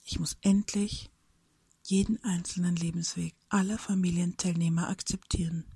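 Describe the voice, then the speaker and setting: A woman reading a reflective personal story aloud in a soft, breathy whisper, slowly and thoughtfully. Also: lowish voice, fairly even intonation, no echo.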